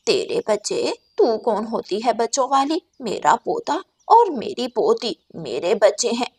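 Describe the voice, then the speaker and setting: A grumpy old grandmother sparrow, voiced by a woman in a cartoon, a thrifty, stubborn mother-in-law. She talks in a quieter, lower tone than the others and grumbles. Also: big pitch swings, measured pace, husky, full character voice. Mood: grumbling. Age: older.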